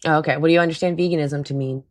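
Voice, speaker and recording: Racing through her words, a woman hosts a casual call-in livestream, laughing often, chatting loosely, and talking back to her chat. Her raspy voice is low with a steady tone, and her throat is hoarse.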